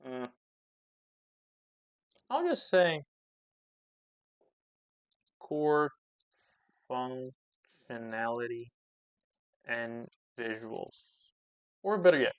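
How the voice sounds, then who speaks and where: A man's voice: medium pitch, sing-song, very slow, long pauses, smooth, dry recording, dull audio. A man talking through his own coding session as channel host, thinking aloud and muttering commands as he types. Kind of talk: casual coding screencast commentary.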